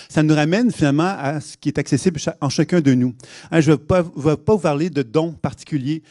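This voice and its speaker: A man with a Québécois French accent speaks at a conference. He explains things at length, often pausing on fillers and starting his sentences over. His voice sits a little high and the sound is close and dry. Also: a little mellow, dry recording. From Quebec. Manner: hesitant, many restarts and fillers. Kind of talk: public lecture. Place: conference hall.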